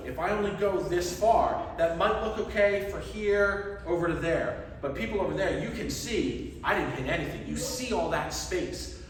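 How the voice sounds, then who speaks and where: A man's voice: sits high, slight background noise. A man teaching a hands-on workshop to a group, explaining step by step and checking that they follow. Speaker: stage combat instructor. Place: large echoey indoor hall. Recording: very echoey hall, distant microphone.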